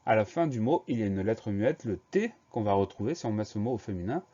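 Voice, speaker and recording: A patient man teaching spelling to children, breaking each word into syllables and letters. His voice is mellow and dark, at a middling pitch. The recording is a little muffled and lo-fi. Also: expressive, brisk. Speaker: primary school teacher.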